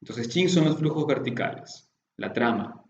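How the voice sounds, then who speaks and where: A man's voice: mid-range voice, expressive, moderate pace, reverberant, highs cut off. A man giving a course lecture on classical Chinese medicine, explaining patiently and posing rhetorical questions to his students. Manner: explanatory, poses rhetorical questions, often adds tag questions.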